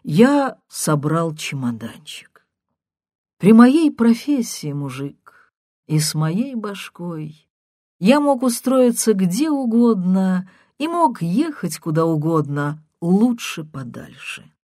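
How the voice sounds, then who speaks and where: Slow, low-voiced woman audiobook narrator. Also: dry recording, studio quality. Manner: measured, calm first-person storytelling.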